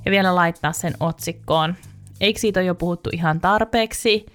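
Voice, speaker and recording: A woman's voice: lowish voice, fairly bright tone, faint music behind. A woman hosting a podcast, speaking in a reflective scripted monologue that addresses the listener directly. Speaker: podcast host.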